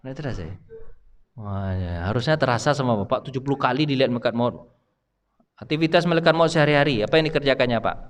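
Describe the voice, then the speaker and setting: A man's voice: mid-range voice, fast talker. A male preacher giving a mosque sermon, often putting questions to the congregation. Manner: keeps asking the congregation questions. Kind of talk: mosque sermon, Islamic study class. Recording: long reverb of a mosque hall.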